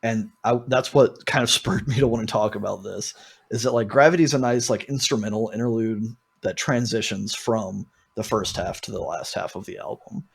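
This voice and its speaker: In a relaxed album discussion, a male podcast host wanders through the music with plenty of informal tangents. He speaks at an ordinary speed in a lowish voice that is creaky and a little rough.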